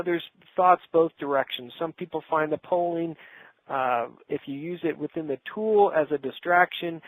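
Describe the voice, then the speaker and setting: A middle-aged man presents a business webinar, speaking directly to his audience in an informal, conversational, instructive way. His voice is on the high side, with no echo but low recording quality.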